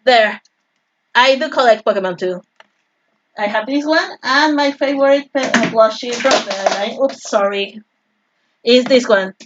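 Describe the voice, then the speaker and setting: A woman's voice: on the high side, measured pace, lo-fi sound, slight background noise. A woman from Peru with a Peruvian Spanish accent, a native Spanish speaker, chatting casually and rambling as she thanks viewers during a live stream of her painting in her home studio.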